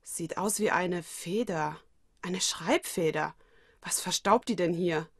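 A woman's voice: fairly low pitch, slow, slightly rough, no echo, heavily acted. A woman voicing a grumpy, easily angered teenage schoolboy in a storybook reading. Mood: puzzled. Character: hot-tempered teenage schoolboy servant. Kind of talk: audiobook reading of fan fiction.

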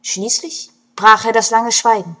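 Breathy woman reading a story aloud. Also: on the high side, a little slow. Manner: expressive, with swings between hushed and loud passages. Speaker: narrator. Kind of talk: scripted storybook narration.

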